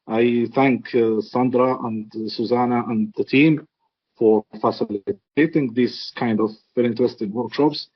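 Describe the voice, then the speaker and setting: Hesitant husky man on a call. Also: medium pitch, fairly even intonation. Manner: halting, many fillers and restarts. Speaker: webinar speaker. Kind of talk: hesitant webinar talk. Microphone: video call. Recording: dull lo-fi video call audio.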